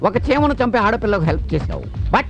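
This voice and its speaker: Comic principal: pompous, stern, lively high pitch. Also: male voice, fast, creaky, soft background music, heavily acted. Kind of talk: comic film acting.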